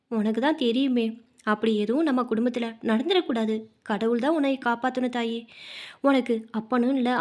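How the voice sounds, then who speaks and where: A woman voicing a kind older father-in-law who consoles his daughter-in-law softly. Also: a little high, natural voice. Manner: soothing, consoling.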